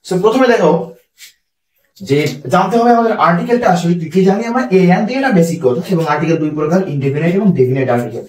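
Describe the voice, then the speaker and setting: A young man teaching English grammar in an online exam-prep lesson. He explains step by step, asks questions and answers them himself, and reads example phrases slowly. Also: sits high, a little mellow. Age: young adult. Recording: echoey room, a little far from the mic.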